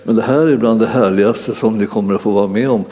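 Mellow-voiced man preaching in a hall. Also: on the low side. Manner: halting storyteller, many restarts and fillers, chuckles at own story. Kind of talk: sermon with personal testimony. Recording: long hall reverb.

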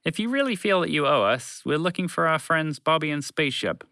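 A calm and practical talking moose from a storybook, voiced by a man. He speaks politely and to the point in a bright, measured voice, with expressive pitch. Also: smooth, no room sound.

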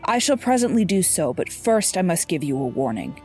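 A woman voicing a calm, persuasive male sorcerer in a measured, courteous storybook reading. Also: lowish voice, soft background music.

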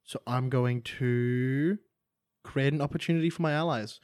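A man's voice: medium pitch, moderate pace, a little mellow, clear, resonant tone. A man casually describing his character's moves as a player in a tabletop role-playing game.

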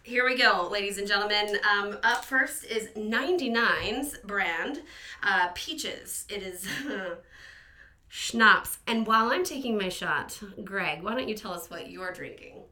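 A young woman from Virginia, co-hosting a casual podcast, chatty and quick to laugh at herself. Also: medium pitch, bright, forceful tone. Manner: chatty, laughing, self-deprecating. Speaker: podcast co-host. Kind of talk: casual chat.

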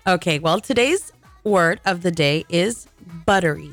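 A woman leading an English lesson on a radio show, patiently spelling out words and repeating them slowly. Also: fairly low pitch, lively intonation, soft background music. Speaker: English teacher segment host. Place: radio studio.

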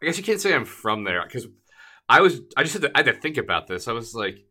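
A man's voice: medium pitch, big pitch swings, fast, pushed and bright. A man raised in Wisconsin and Colorado, hosting a podcast, loose and joking and laughing often. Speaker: podcast host. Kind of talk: casual conversation.

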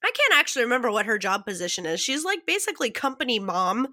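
A woman's voice: a little high, very animated, quick pace, sharp tone. A woman with a nasal voice, stuffed up from a cold, chatting casually as a podcast co-host. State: congested from a cold. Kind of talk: casual chat.

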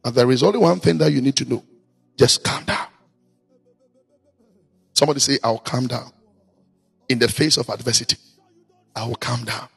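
A male preacher, delivering a sermon in a chanting, sing-song way with repeated lines and shouted peaks. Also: medium pitch, normal speed, creaky, pauses often, slightly rough, soft background music.

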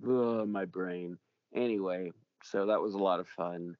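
A man with a gravelly voice hosting a casual chat show, rambling along with jokey asides. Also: low-pitched, steady tone, measured pace, no echo, highs cut off. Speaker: podcast host.

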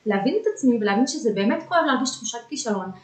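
A woman speaking as a guest confidence coach in a casual podcast conversation, earnest and emphatic, often pausing on filler sounds. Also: a little high, animated. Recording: roomy echo.

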